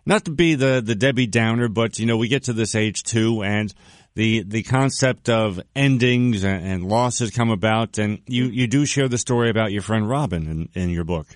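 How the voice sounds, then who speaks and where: A man hosting a radio interview show, easygoing and quick to laugh along with his guest. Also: on the low side, no echo.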